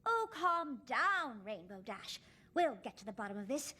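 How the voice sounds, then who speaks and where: A woman's voice: on the high side, big pitch swings, normal speed, pushed and bright, slightly rough, full character voice. An actress voicing a fashionable, theatrical young female pony who plays detective and narrates the story. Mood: persuasive. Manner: theatrical, refined, gushing over fabrics. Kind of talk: cartoon voice acting with narration.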